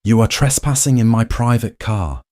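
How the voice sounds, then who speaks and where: A man voicing a cold, menacing male mafia boss in a low gravelly baritone, quiet and commanding. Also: animated, moderate pace, dry recording, clean studio sound, close to an everyday voice.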